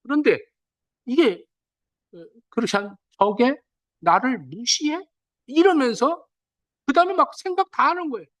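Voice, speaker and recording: A middle-aged male pastor preaches with real animation. His high voice climbs and dips widely as he slips into the voices of the people he quotes. The sound is dry and close, with no room echo. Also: normal speed, long pauses. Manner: animated, acts out quoted speech in changed voices. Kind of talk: sermon.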